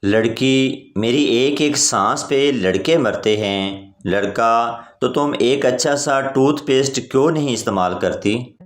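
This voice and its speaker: Male joke narrator, slow plain delivery, roomy recording. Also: mid-range voice. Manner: plain storytelling delivery, voicing each character in the same voice. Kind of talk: reading jokes aloud. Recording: roomy echo.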